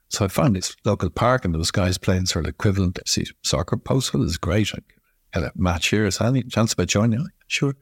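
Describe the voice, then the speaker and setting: A man from Ireland with a Dublin accent, telling a family story in a casual, lively way and acting out the people he quotes. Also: sits low, no room sound, studio quality. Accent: Dublin Irish. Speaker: storyteller guest.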